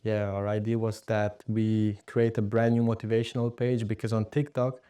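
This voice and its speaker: Speaking at an ordinary speed, a Hungarian-born guest on a podcast relaxes into recounting his life, including his move to Austria at age seven. He sounds like a teen or young adult, and his fairly low voice is mellow and smooth, with little rise and fall.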